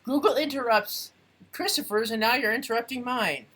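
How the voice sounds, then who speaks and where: A woman's voice: on the high side, moderate pace, fairly bright tone. A woman chatting casually on a live stream as she crafts, thinking aloud and trailing off mid-sentence.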